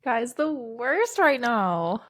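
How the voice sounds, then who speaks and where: A woman's voice: fairly high pitch, big pitch swings, drawn-out words, fairly bright tone, dry recording, studio quality. A woman co-hosting a podcast, chiming in eagerly during a casual chat. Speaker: podcast co-host. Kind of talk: casual book-discussion chat.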